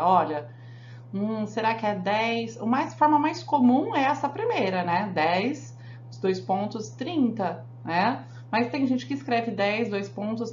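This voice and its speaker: A woman teacher giving a grammar lesson, explaining step by step and often checking that the class follows. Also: medium pitch. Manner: explanatory, asks the class frequent check questions. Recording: echoey room, dull sound, faint hum.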